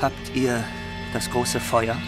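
A man's voice: mid-range voice, level tone, slow, over loud music, close to an everyday voice. A man playing a tense young adventure game hero, with a dramatic, questioning delivery. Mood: probing. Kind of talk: video game voice acting.

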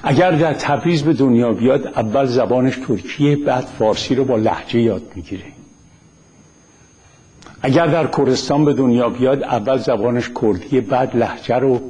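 A man's voice: mid-range voice, warm tone, husky. A middle-aged man with an Isfahani accent giving a blunt, emphatic monologue lecture on religion, voice rising on key phrases. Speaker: commentator on religion.

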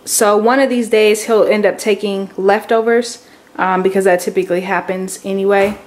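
A woman's voice: mid-range voice, fairly even intonation, moderate pace, slight background noise. A young woman in her twenties chatting through a cooking vlog in her home kitchen, explaining each step to a handheld camera. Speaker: vlogger. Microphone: handheld camera close up.

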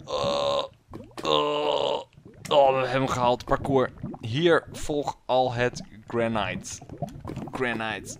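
A man's voice: mid-range voice, a little hiss or hum. A young man giving jokey, self-mocking commentary while playing a video game. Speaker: gaming YouTuber. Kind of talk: casual let's-play commentary.

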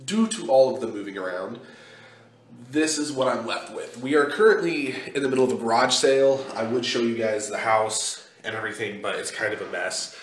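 A young adult video blogger talks casually to his viewers in a mid-range, fairly quick voice. He holds his phone at arm's length in a small, echoey indoor walkway of a house he's moving into.

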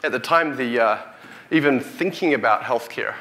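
A man in his thirties with a broad Kiwi accent speaks in a bright, forward voice at a medium pitch. He is delivering a keynote to a conference audience as a chief executive. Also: moderate pace, slight background noise, low-quality recording. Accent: New Zealand. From New Zealand. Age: 30s. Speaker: company CEO, conference speaker. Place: hotel conference hall, on stage before an audience. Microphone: lapel or headset mic.

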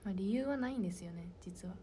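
Young woman idol, mellow soft voice, casual fan Q&A chat, whispered asides. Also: medium pitch, fast talker, slight background noise. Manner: soft-spoken and chatty, drops into whispered asides. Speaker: idol talking with fans.

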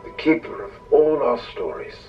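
A man's voice: medium pitch, animated, moderate pace, distant mic, faint music behind, lightly acted. An actor playing a grave, persuasive nobleman in a television fantasy drama. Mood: solemn. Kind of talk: scripted TV fantasy drama acting. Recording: muffled television speakers playing across a room.

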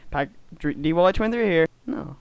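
A man's voice: fairly high pitch, expressive, moderate pace, gravelly, clear, resonant tone, highs cut off. A teenage boy giving joking, laughing mock sportscaster commentary while friends play a video game at home. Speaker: player and commentator.

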